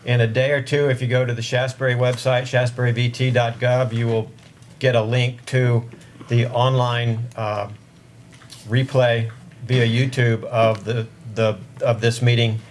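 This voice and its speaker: This man presides over formal board proceedings, projecting to reach the whole meeting room at an unhurried pace. He holds a level, flat pitch in a medium register. Room noise and ambience fill the background of the recording.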